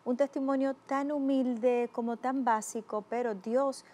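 Woman, TV interviewer, encouraging, higher voice, faint background hiss. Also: steady tone, a little slow, warm tone. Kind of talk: interview, brief reactions.

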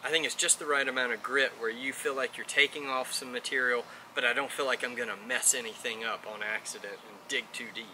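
A man in his thirties hosting a casual how-to vlog outdoors in a backyard, chatty and relaxed, with filler words, picked up by a camera mic at some distance. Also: mid-range voice, brisk, few pauses, a little hiss or hum. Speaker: outdoor channel host.

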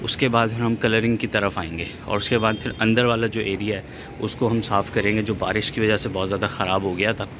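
A middle-aged man walking a camera around his rooftop and describing the planned renovation in a relaxed, enthusiastic way, pausing often to think. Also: lowish voice, background noise. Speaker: vlogger showing a rooftop renovation. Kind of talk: casual walkthrough narration. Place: rooftop of a house, outdoors.

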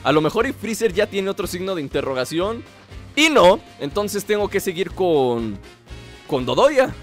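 A man commentating his gameplay, joking and taunting enemies in mock-villain fashion, shouting during fights. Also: high voice, big pitch swings, normal speed, faint music behind. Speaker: gameplay streamer.

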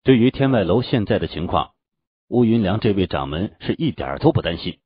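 A male audiobook narrator reading a fantasy novel, his lowish, husky voice swinging widely as he tells the story. The recording is dull and dry, with no room around it. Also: brisk. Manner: animated storytelling.

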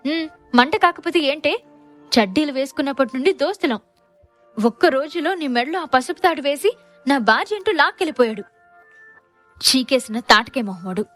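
Woman doing a cheeky young best friend for an audio story, loud and mocking, high voice. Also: animated, a little slow, soft background music.

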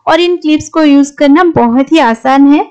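A woman's voice: high voice, normal speed. A middle-aged woman from India giving friendly kitchen tips in a voice-over, mixing English words into her Hindi. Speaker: home cooking channel host. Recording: soft music bed behind voice-over.

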